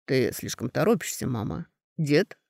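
Man reading a calm, stubborn young man. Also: medium pitch, moderate pace, creaky, dry recording, clean studio sound, exaggerated voice. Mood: calm, quiet. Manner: quiet, calm, softly firm. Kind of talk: audiobook character voice.

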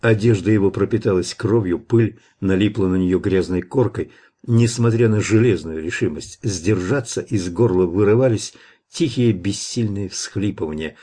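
A man reading a dark fantasy audiobook in measured, dramatic scripted narration. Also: on the low side.

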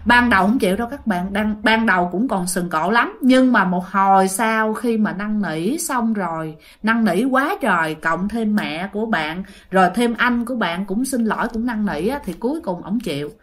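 A woman's voice: mid-range voice, lively intonation, moderate pace, hardly any pauses. A woman with a Southern Vietnamese accent telling a ghost story in a chatty, repetitive way, talking straight to her listeners. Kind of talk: casual ghost story narration.

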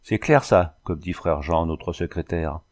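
A man reading an audiobook voices a coarse, boastful backwoods bandit sailor who talks rough and mocking. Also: sits low, a little slow, a little mellow, voice pushed down. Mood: gruff mocking.

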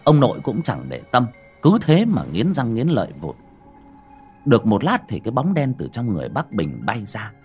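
A male storyteller narrates a horror audiobook. His pitch moves a great deal and he tells the story with expression. Faint music runs underneath. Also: wildly swooping pitch, normal speed, a little mellow, husky.

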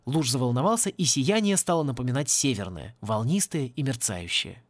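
Expressive male audiobook narrator. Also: mid-range voice, normal speed, dry recording. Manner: wry, expressive storytelling. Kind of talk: scripted narration of satirical fantasy. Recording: dry, close-miked home recording.

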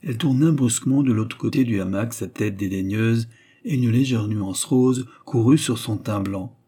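A man narrating a classic novel as an audiobook in a measured, even manner. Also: mid-range voice, breathy edge. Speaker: audiobook reader.

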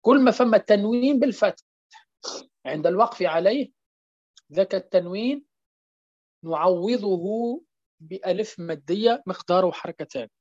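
The teacher here is a woman instructing students in Quran recitation rules, her mid-range voice dark in tone and expressive, moving at a moderate pace with many pauses. Through frequent rhetorical prompts she poses and answers questions, repeats key terms, and makes sure everyone keeps up. It's a dull, lo-fi recording with no room sound.

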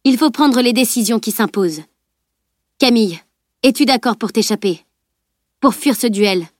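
A woman voicing a stern, decisive warrior woman who speaks in brisk commands, in an audiobook. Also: a little high, expressive, dry recording, studio quality, close to an everyday voice. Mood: commanding.

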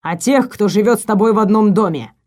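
A woman voicing an angry, menacing young stepbrother who talks low and mocking. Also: a little fast, darkish tone, close to an everyday voice.

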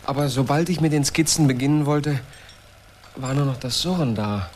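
In an old, noticeably noisy German radio production, a man with a medium-pitched, slightly mellow voice speaks at a normal pace with light acting. He plays a tormented, obsessive engineer hounded by a whirring sound, sounding anxious, agitated, pleading and insistent.

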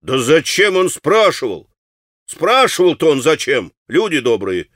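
A man voicing an excitable, dim-witted young shop clerk who shouts and repeats himself in an audiobook. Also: on the high side, unhurried, no room sound, clean studio sound, voice pushed up. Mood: agitated.

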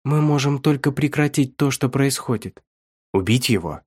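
A man's voice: medium pitch, animated, slightly rough, no echo, clean studio sound. A man voicing a frightened young woman who stammers through tears in an audiobook. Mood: tearful. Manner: halting, tearful, stammering. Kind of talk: audiobook reading.

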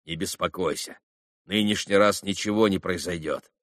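A man's voice: deep voice, normal speed, fairly bright tone, dry recording, clean studio sound. A man voicing a cocky, clever schoolboy who teases and questions people sternly, in a storybook reading.

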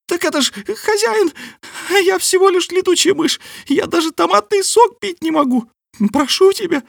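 A man voicing a small, frantic male bat who chatters in a squeaky, breathless, excitable way. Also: normal speed, creaky, no echo, studio quality. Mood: pleading. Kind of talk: audiobook character voice.

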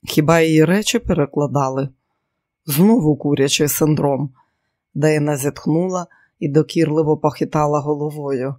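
Measured male audiobook narrator. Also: a little high, a little mellow, dry recording, studio quality. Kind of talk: scripted narration.

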